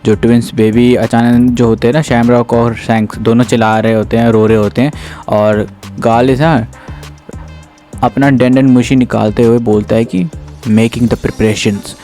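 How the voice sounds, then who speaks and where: Casting note: chatty male explainer, dark mellow voice, faint music behind. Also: mid-range voice, flat delivery, moderate pace. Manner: chatty, keeps addressing the listener as brother. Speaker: manga chapter explainer. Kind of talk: casual explanatory retelling.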